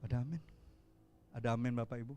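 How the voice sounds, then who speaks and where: A man with a Palembang accent preaching a sermon as pastor, animated and calling out to the congregation. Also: medium pitch, quick pace, soft background music.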